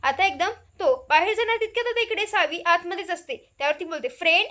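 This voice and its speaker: High-pitched woman recapping a serial. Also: expressive, fast talker, bright, forceful tone. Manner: chatty retelling with many fillers, half-voicing the quotes. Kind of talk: casual spoken story recap.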